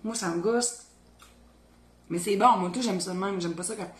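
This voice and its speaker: A woman's voice: mid-range voice, normal speed, reverberant. A woman with a Québécois accent from the Beauce region, hosting a casual cooking video and chatting colloquially as she works in her home kitchen. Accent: Beauce Québécois French. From Beauce, Quebec. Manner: chatty, thinks aloud while working, colloquial Québécois speech. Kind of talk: casual cooking demo chat.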